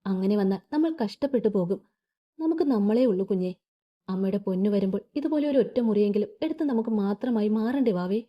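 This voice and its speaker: A worn-out young mother-to-be speaks faintly, brushing off worry and talking softly to her unborn child, as a woman reader does her. The recording is dull and lo-fi. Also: mid-range voice, lively intonation, fairly quick, natural voice. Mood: weary. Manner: faint, reassuring. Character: weary young pregnant woman, brave and soft.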